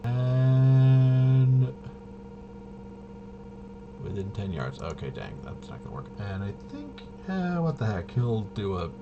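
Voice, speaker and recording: A medium-pitched man with a sing-song delivery speaks slowly, with long pauses, while running a tabletop game demo, muttering puzzled, self-questioning commentary to himself. The audio is dull and the background clearly noisy, with loud music behind his voice.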